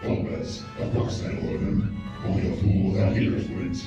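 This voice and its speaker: A man reading a game's lines through a voice changer that morphs his voice, playing a hungry monstrous servant creature in a whispery, breathy way. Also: low-pitched, level tone, normal speed, muffled recording. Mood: menacing. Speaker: streamer voicing game characters. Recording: heavy echo, distant, game music behind.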